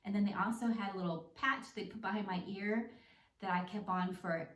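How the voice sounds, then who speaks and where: A woman speaks in an echoey room, a little away from the microphone. Her voice sits at an average pitch. She talks casually and practically, like a vlogger walking viewers through tips step by step. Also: steady tone, moderate pace, distant mic. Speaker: vlogger sharing personal experience. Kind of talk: casual explanatory vlog talk.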